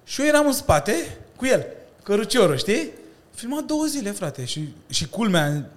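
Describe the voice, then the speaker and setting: A man in his thirties, a breakdancer and stuntman, chatting as a podcast guest and telling lively stories with slang and laughter. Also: high-pitched. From Romania. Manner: animated storytelling with slang and laughter. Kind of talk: casual chat.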